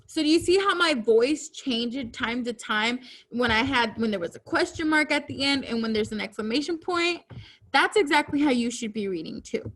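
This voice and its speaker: A woman teacher giving a reading lesson to children, speaking deliberately and enunciating each word clearly. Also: high voice, animated, fairly bright tone.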